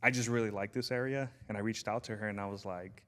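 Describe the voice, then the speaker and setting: A man in his thirties from Southern California talks as a podcast guest, easygoing and rambling, his story full of "dude" and "man". His voice sits a little on the low side. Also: fairly even intonation, quick pace, fairly bright tone. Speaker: podcast guest, brand founder. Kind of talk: casual podcast chat.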